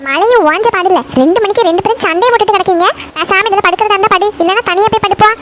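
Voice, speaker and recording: A woman's voice: extremely high pitch, rapid-fire, fairly bright tone. A woman voicing a tired young mother in a cartoon, who scolds her daughters and soothes her baby. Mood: annoyed. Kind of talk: cartoon voice acting.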